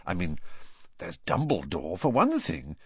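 A man's voice: sits low, huge pitch swings, a little slow, breathy edge, no room sound, pitched below the performer's own voice, heavily acted. A man doing an earnest young wizard boy. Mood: urgent. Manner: urgent, questioning. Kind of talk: audiobook reading. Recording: dull dry studio sound.

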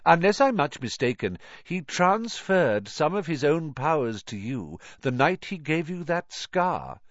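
Dumbledore, a man doing a calm old wizard. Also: fairly high pitch, no room sound, dull audio, voice pushed up. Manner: calm, measured, gentle. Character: old male wizard headmaster, calm, kindly.

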